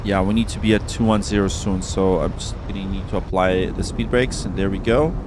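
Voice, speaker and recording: A man's voice: steady tone, a little fast. A man giving chatty, casual live-stream commentary as a flight simulator pilot, thinking aloud. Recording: noisy, constant cockpit rumble. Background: aircraft cockpit rumble.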